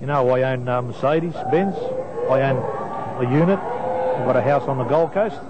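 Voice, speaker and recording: A dull, very noisy location recording of a man giving a wrestling promo. He is a pro wrestler who brags and throws out challenges at a medium male pitch. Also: normal speed. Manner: boastful, challenging. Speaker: masked professional wrestler. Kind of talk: boastful wrestling promo talk in an interview.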